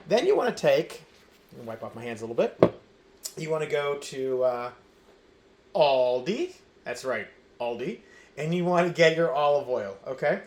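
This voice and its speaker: A man's voice: a little high, lively intonation, a little fast, a little mellow. A middle-aged man hosting a casual home cooking demonstration, talking in a rambling, self-amused way with many fillers and restarts. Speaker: home cooking show host. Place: home kitchen. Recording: roomy kitchen with faint ambient noise.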